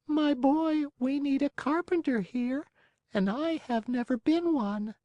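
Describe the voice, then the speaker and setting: A man voicing a slow, calm female snail in a storybook reading, speaking in a peaceful, unhurried way. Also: very high voice, no echo, muffled recording, pitched above the performer's own voice.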